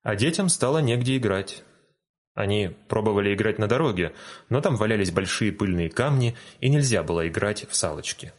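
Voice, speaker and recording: A man reading a fairy tale aloud in a calm, gentle storytelling manner. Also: fairly low pitch, brisk. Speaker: narrator. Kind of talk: storybook narration.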